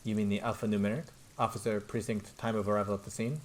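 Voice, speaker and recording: A man reading as a quiet, reserved lieutenant. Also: lowish voice, level tone, fast talker, natural voice. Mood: measured. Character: reserved lieutenant, adult man, calm and measured.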